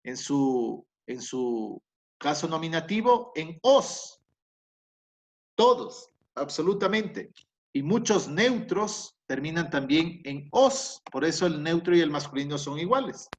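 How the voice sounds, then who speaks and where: A male language teacher speaking slowly in a somewhat high voice. He explains step by step, repeats the key points, and corrects himself, with plenty of "eh" and "em" along the way. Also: lively intonation. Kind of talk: recorded class lecture.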